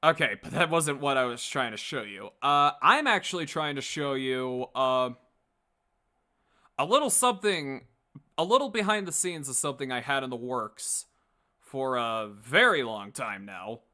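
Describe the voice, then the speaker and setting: In this casual rambling chat, a male livestream host known for comic dubs jokes around with his viewers and swears freely. His mid-range voice is animated and pushed bright, delivered at a moderate pace.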